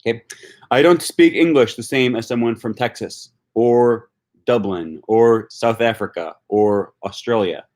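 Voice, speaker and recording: His mid-range voice has a darkish tone and a slightly slow pace, colored by a Wisconsin accent. This man from Wisconsin is a language-learning YouTuber casually chatting on a livestream, responding to viewer comments and thinking aloud with many fillers and restarts.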